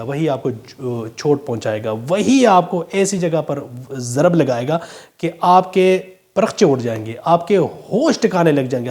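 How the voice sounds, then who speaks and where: A man's voice: high-pitched, a little mellow. A man giving an emphatic, preachy motivational talk straight to his viewers. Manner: emphatic, preachy, calls listeners "brother". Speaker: motivational speaker.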